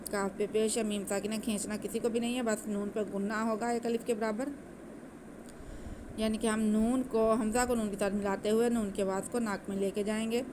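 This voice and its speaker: A woman teaching Quranic recitation, patiently explaining each letter and then chanting the words slowly. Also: mid-range voice, flat delivery, noisy background.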